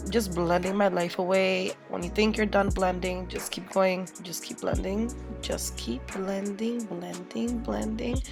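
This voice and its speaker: A young woman, a makeup artist, chats through a makeup tutorial as a voice-over, playful and narrating each step. A cold has worn her mid-range voice down to a gravelly sound. Loud background music plays under the voice-over.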